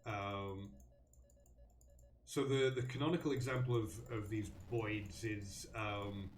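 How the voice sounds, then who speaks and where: A man's voice: fairly low pitch, steady tone, slow, echoey room, recorded from a distance. A man hosting a live stream, thinking aloud about a game with many ums and restarts. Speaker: host.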